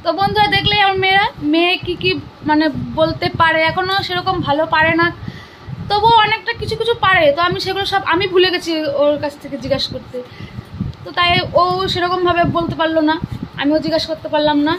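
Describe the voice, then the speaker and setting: A young woman, a mother and vlogger casually quizzing her child with coaxing, animated questions. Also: extremely high pitch, quick pace, noisy background.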